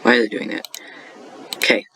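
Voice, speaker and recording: A young man hosts a casual screen-recorded tutorial on how he made a beat, rambling with plenty of fillers and self-corrections. His tone is sharp, his pace moderate, and there's a little hiss or hum in the audio.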